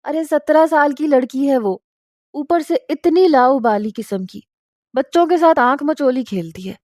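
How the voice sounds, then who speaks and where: Brief: indignant young man, complaining, mellow voice, as a woman narrator voices him. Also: high-pitched, dry recording, clean studio sound, voice pushed up, natural voice. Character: exasperated young man, reluctant groom.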